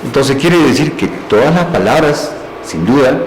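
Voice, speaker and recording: A man's voice: mid-range voice, expressive, normal speed. A man giving a lecture on language, explaining step by step and often checking in with his listeners. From Peru. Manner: explanatory, with frequent "¿no?" and "entonces". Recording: echoey room, faint background hiss.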